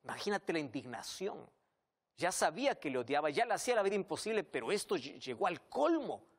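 A man's voice: fairly high pitch, big pitch swings, brisk. An earnest male preacher giving a devotional sermon, telling stories and speaking directly to the listener.

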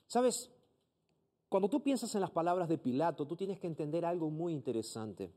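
Middle-aged male pastor, earnest direct-address Bible teaching, mellow tone. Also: on the high side, expressive. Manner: earnest, direct address to listener, slows to repeat numbers.

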